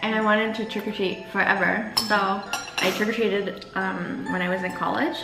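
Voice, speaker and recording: A woman's voice: medium pitch, normal speed, gravelly. A young adult woman chatting casually as a show co-host, telling personal stories in a giggly way and acting out what people said. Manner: animated retelling, acts out quoted dialogue, giggly. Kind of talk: casual chat, personal storytelling. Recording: echoey room, music underneath, clinking dishes.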